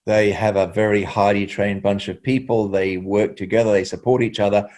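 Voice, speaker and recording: A man guest, a workplace wellbeing trainer, answering an interview question with measured anecdotes. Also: on the low side, fairly even intonation, darkish tone.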